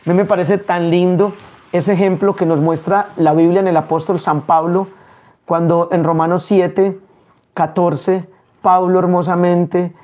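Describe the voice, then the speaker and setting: Male preacher, sermon delivery, measured pace with pauses and repeated phrases. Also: high voice, flat delivery, darkish tone.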